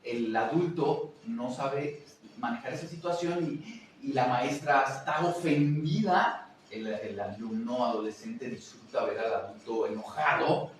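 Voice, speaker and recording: Animated man telling stories in a roomy echo. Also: mid-range voice, measured pace, distant mic. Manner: animated, acts out quoted voices and laughs often. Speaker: teacher. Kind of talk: casual chat, telling classroom stories. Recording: roomy echo, away from the mic, faint noise.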